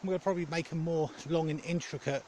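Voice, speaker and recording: Male vlogger, slightly high voice, halting and self-correcting casual chat, light background noise. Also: fairly even intonation, darkish tone. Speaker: gaming content creator. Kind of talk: casual vlog update, rambling talk.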